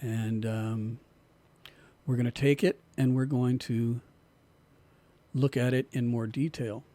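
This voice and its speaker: Man, instructor, online class, mellow, slightly hoarse, dry sound. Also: mid-range voice, takes it slowly, dry recording. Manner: relaxed, repeats words while explaining. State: losing his voice. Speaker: music production instructor.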